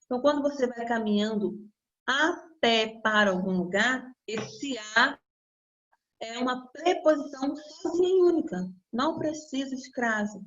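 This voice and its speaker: A woman's voice: fairly high pitch, animated, moderate pace, highs cut off. Brazilian woman teaching a grammar class. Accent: Brazilian Portuguese. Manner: explanatory, repeats "tá?" and "né?" to check in with students. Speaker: Portuguese teacher. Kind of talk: online class lecture.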